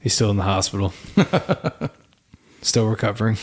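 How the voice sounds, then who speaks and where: A man's voice: fairly low pitch, lively intonation, normal speed. A man co-hosting a casual band podcast, chatting and joking over beers and repeating himself for comic effect. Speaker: band member and podcast co-host.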